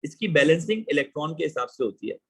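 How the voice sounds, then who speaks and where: Male teacher with a fairly high voice, running a casual online chemistry class and mixing Hindi with English. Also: lively intonation, fast talker, slightly rough, rough recording. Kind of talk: live online class, explaining exam questions.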